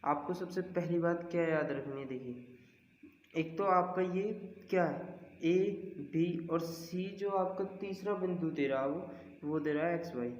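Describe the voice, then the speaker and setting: A man's voice: on the high side, measured pace. A man teaching a math lesson at the board, working through each step and asking rhetorical questions as he goes. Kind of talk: board-work lesson explanation. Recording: echoey hall, dull lo-fi sound.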